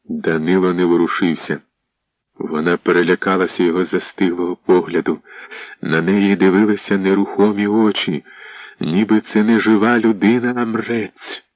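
Deep male narrator for a dramatic audiobook reading; dry, muffled lo-fi sound. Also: steady tone, normal speed, no echo. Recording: dull lo-fi audiobook recording.

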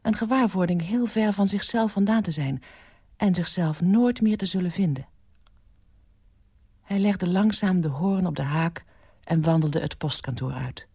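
A woman reading a story aloud for radio in a calm, measured narration, close to a studio mic. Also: fairly low pitch, husky, no echo. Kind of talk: scripted narration.

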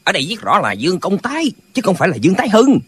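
A man's voice: sits high, wildly swooping pitch, racing, husky, no room sound, exaggerated voice. A man voicing squabbling old martial-arts brothers. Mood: quarrelsome. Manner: bickering, pedantic, squabbling. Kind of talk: audiobook character voices.

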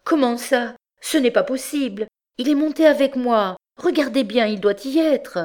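A woman's voice: medium pitch, sing-song, slow, dark tone. A woman reading aloud voices a frightened young wife abandoned by her husband, pleading in a raised voice.

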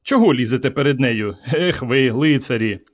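A man voicing a calm, earnest young woman from the future in a storybook reading, bewildered by old words. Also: medium pitch, moderate pace, close to an everyday voice. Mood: earnest, puzzled.

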